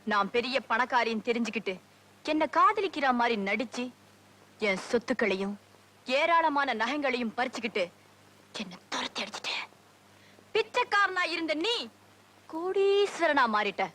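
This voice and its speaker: A scornful wronged heiress. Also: female voice, on the high side, expressive, moderate pace, bright, forceful tone. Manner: scornful, taunting. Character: wronged rich young woman, defiant and bitter. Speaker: film character. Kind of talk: 1970s Tamil film acting.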